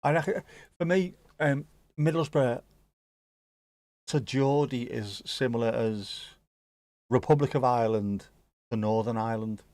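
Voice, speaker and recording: This mid-range, darkish male voice moves at a measured pace with long pauses and no room sound. The speaker hosts a livestream in a Scouse accent, being from the Liverpool area, and chats casually with viewers, reacting to chat with the odd joke or swear word.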